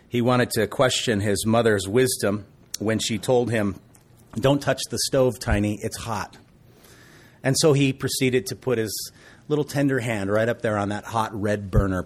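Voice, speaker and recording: A man preaching a sermon as pastor, telling stories in an earnest, folksy, conversational way. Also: mid-range voice.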